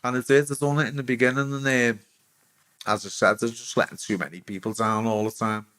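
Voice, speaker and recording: A middle-aged man with a Liverpool accent, a former footballer telling his own story bluntly in an interview, with heavy swearing and halting restarts. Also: medium pitch, little pitch movement, bright, forceful tone. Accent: Liverpool Scouse. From England. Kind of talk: candid personal storytelling.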